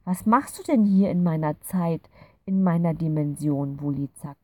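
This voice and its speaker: A woman's voice: low voice, normal speed, darkish tone, dry recording. Woman reading a curious little girl. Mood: wondering. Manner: wondering, questioning. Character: curious young girl, wondering and earnest.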